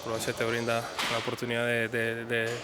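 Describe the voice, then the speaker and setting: A young man with a Colombian accent, speaking earnestly and haltingly in a documentary interview. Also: mid-range voice, completely flat delivery, loud music behind the voice. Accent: Colombian Spanish. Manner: halting, repeats words, earnest. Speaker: professional footballer.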